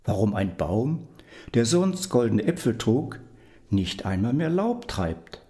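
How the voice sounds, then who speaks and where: A man voicing an earnest young man in a storybook reading, speaking in a measured way. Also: medium pitch, sing-song, mellow.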